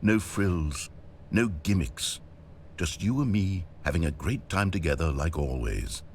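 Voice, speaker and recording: A man's voice: low voice, expressive, measured pace, darkish tone, a little hiss or hum. An actor playing a fussy, theatrical male narrator in a video game, eloquent and grandiose, indignant or wistfully nostalgic. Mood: apologetic, coaxing.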